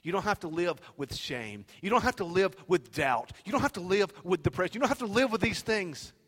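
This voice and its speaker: A man preaching a sermon as pastor, swinging from shouted exhortation to hushed, near-whispered pleading. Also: high voice, expressive, brisk. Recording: long reverb of a large hall.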